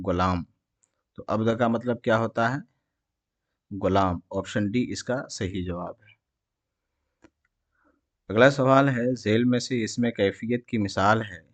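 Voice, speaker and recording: Low-voiced man teaching an exam quiz. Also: no echo, highs cut off. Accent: Indian Urdu. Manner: reads each question and its options, then explains the answer. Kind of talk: exam prep lesson, reading quiz answers.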